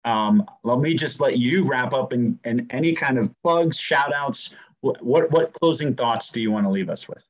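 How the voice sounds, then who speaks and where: A man's voice: mid-range voice, lively intonation, normal speed, hardly any pauses. A man hosting a casual interview in an appreciative, affirming manner, with slightly dull sound. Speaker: podcast host.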